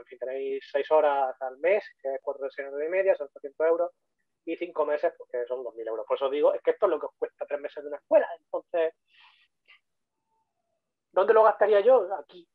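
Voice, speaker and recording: This Spanish-accented man from Spain speaks in a mid-range voice, a little fast, with no room sound. He's a 3D modeler appearing as a guest in a casual video-call talk, chatty and prone to repeating himself for emphasis, all through tinny phone-like audio.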